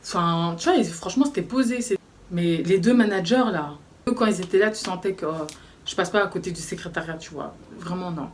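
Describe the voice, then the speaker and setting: A woman's voice: on the low side, a little fast, slight background noise. A young woman vlogger telling a story, animatedly acting out what people said. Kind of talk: storytime vlog.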